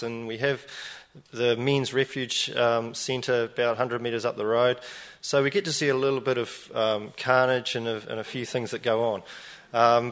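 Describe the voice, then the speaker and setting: Brief: Kiwi man, mid-pitched, spinning a casual yarn with plenty of ums. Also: a bit bright, clean tone. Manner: hesitant, frequent "um", acts out quotes. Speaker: storyteller. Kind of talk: spoken personal anecdote.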